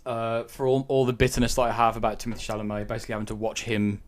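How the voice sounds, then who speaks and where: A man's voice: medium pitch, steady tone, rapid-fire. A man co-hosting a podcast in casual chat, giving frank opinions and thinking aloud with frequent ums. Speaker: podcast co-host.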